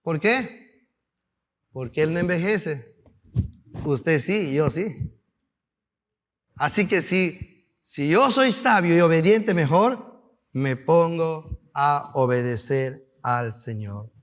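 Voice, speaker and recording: High-voiced preaching pastor. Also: male voice, expressive. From Peru. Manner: preaching with rising fervor, rhetorical questions to the congregation; builds to shouted, drawn-out climaxes. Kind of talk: sermon.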